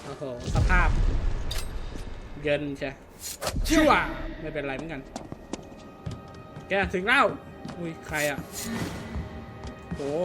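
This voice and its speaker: A man's voice: fairly high pitch, expressive, slow, long pauses. A man giving crude, jokey commentary while playing a horror game. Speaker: gaming channel host. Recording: loud game music under voice.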